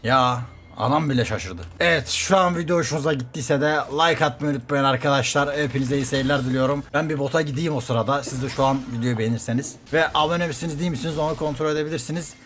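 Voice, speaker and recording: A man streaming a game, talking fast to viewers and teammates, swearing casually and getting excited by turns. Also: mid-range voice, slight background noise. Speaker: gaming streamer. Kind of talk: live gameplay commentary.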